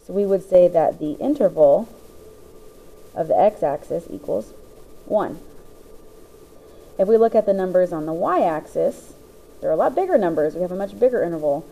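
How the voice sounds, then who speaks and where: A woman's voice: lowish voice, animated, normal speed, gravelly, pauses often, mellow, a little hiss or hum, poor audio. A woman teacher patiently explaining the parts of a graph, step by step, as she writes notes. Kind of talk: classroom lesson explaining graphs.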